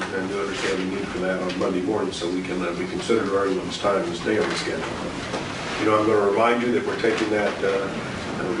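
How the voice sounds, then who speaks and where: A man serving as judge, giving measured, formal instructions to a jury, heard in a courtroom recording. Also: on the low side. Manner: measured, deliberate, with frequent uh fillers. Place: large courtroom. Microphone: distant room mic. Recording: echoey courtroom, far mic, loud hiss.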